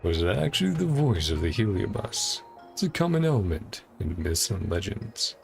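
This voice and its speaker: Soft background music accompanies a man's sing-song, fairly low voice with vocal fry, delivered at a moderate pace. He's a gaming content creator casually narrating a story quest, reading the text aloud and pondering out loud.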